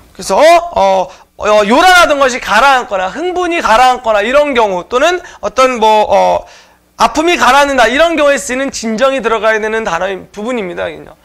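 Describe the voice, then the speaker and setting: A man's voice: very high voice, bright, forceful tone. A man teaching an online exam-prep lecture, explaining answers to viewers with frequent filler sounds.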